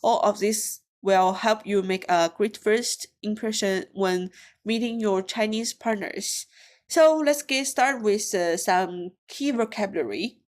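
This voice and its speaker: A woman teaching a beginner lesson from slides, speaking English with small grammar slips and repeating each word slowly and clearly for learners. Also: medium pitch, a little mellow. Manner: slow, careful, repeats words for learners. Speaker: Mandarin teacher. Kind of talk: slide-based language lesson.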